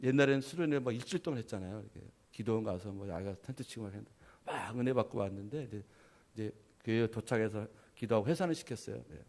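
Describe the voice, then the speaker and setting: A middle-aged man, a pastor, giving a conversational sermon. He tells stories, keeps adding "yes", and swings between loud emphasis and soft, trailing phrases. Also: on the low side, fast talker. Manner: conversational storytelling with frequent "예" affirmations.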